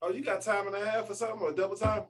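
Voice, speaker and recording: A man's voice: sits high, fairly even intonation, racing. A man hosting a casual chat show, laid-back, slangy and teasing. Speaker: podcast host.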